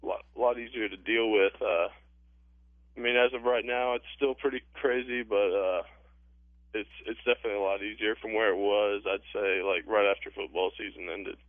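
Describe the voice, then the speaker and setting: A man in his late teens, a high school football player, answering casually in a halting, understated way. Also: steady tone, dry recording. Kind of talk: casual phone interview. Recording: narrow, dry telephone line.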